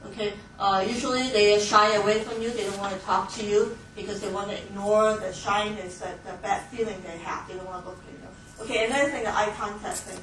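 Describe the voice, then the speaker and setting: A woman's voice: medium pitch, steady tone, brisk, hardly any pauses, fairly bright tone. Distant echoey woman lecturing a class. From Hong Kong. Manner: chatty, laughs often, many fillers and restarts. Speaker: missions training instructor. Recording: echoey room from far off, faint noise.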